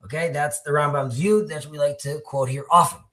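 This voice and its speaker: A man's voice: on the high side, steady tone, fairly quick, bright, forceful tone. A man hosting an online discussion, explaining prayer texts while searching for his words. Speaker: host.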